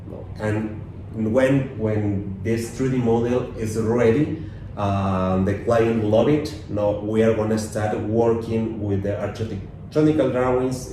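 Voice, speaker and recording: Male interview guest, lowish voice, broken English, very echoey room. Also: dark tone. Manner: halting, broken English with searched-for words and slightly off grammar. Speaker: architect being interviewed as guest. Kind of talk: explanatory interview answers. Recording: roomy echo, distant mic, faint noise.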